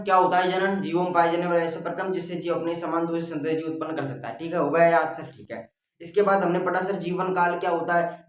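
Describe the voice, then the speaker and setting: In a very echoey classroom, recorded from a distance, a man with a somewhat high voice lectures on biology. He goes over key points repeatedly and keeps asking "theek hai?" to make sure students follow, calling them "beta."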